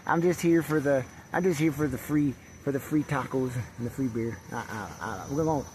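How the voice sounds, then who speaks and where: Older guy rambling into his phone at a campsite, cussing, keeps restarting, faint wind noise. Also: mid-range voice. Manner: rambling, profane, halting with many restarts. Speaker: vlogger. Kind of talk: rambling casual vlog. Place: outdoor campsite, windy. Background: faint wind and birds.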